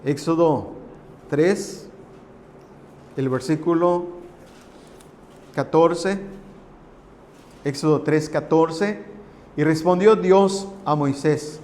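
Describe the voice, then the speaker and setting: Preaching pastor in an echoing hall. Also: male voice, fairly high pitch, drawn-out words, pauses often, a little mellow. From Mexico. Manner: preaching with swelling emphasis on key phrases. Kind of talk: sermon. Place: church hall. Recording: long reverb in a large hall.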